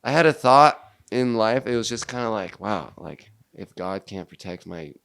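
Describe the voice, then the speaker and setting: Young man, twenties, American accent, podcast guest, earnest, halting restarts, lowish pitch. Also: animated, gravelly, a bit bright. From Seattle, USA. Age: 20s. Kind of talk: casual conversation.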